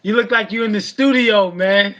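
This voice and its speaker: A man in his forties from Queens, New York, chats easygoingly as a guest on a video call, often tacking on "you know what I mean." His voice sits high with a fairly bright tone at normal speed, though the recording is muffled.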